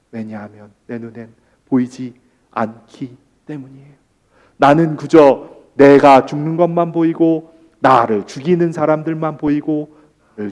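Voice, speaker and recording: A man preaching a sermon as pastor, who moves between hushed, slow emphasis and loud, impassioned pleading. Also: mid-range voice.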